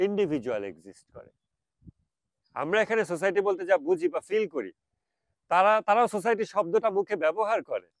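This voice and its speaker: A man with a Bangladeshi Bengali accent gives a reflective religious talk, slipping slow English phrases into his speech. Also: high-pitched, no room sound. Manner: mixes English phrases, stretches them out slowly. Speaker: speaker.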